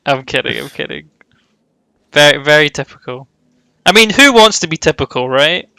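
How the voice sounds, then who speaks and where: A man's voice: fairly high pitch, animated, normal speed, creaky, bright, forceful tone, clean tone, no echo. A man streaming a game with friends, casual and joking, laughing often and guiding the group. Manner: joking, laughs easily, sets the rules.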